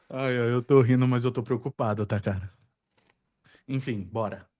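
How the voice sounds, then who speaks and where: A man's voice: mid-range voice, mellow. A man with a Brazilian accent working as a video editor, talking hesitantly with lots of fillers and a defensive tone. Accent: Brazilian Portuguese. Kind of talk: casual work conversation.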